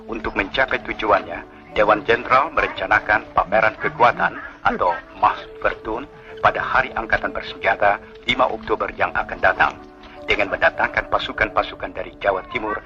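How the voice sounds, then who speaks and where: A man from Indonesia reading an official statement in the formal, solemn, measured style of an old 1960s radio news bulletin, like a newsreel announcer. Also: fairly low pitch. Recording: muffled 1960s archival radio broadcast, music behind.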